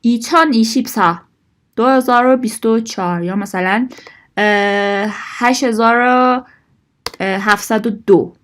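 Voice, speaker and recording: A woman's voice: a little high, fairly bright tone. A woman teaching a Korean language lesson, explaining patiently and mixing Korean phrases into her explanations. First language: Persian.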